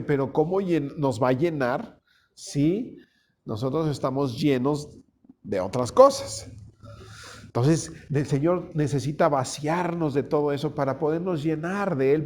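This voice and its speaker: A man's voice: a little high, darkish tone. A man preaching a conversational sermon, folksy and often asking his small congregation questions. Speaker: pastor.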